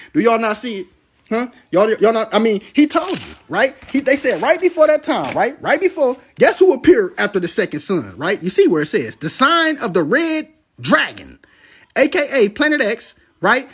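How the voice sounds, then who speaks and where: A man's voice: high voice, breathy edge. A man, preaching about prophecy in casual livestream talk, swearing and asking "right?" again and again. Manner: preachy, excitable, swears, asks "right?" often.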